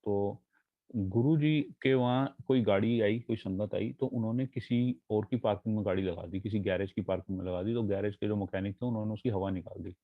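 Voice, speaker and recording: A young man earnestly telling a personal devotional story, halting often and mixing in English phrases. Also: on the low side, dry recording. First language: not Punjabi. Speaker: devotee sharing testimony. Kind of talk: personal testimony. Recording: tinny phone-like sound.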